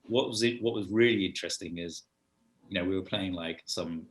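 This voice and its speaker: A British man, a podcast guest, telling stories in a casual and animated way. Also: low-pitched, fairly quick. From United Kingdom. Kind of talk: casual storytelling chat.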